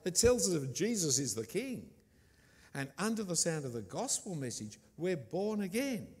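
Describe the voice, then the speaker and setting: A man preaching a sermon, stressing and repeating key words with deliberate emphasis. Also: fairly high pitch, big pitch swings, husky, long reverb tail.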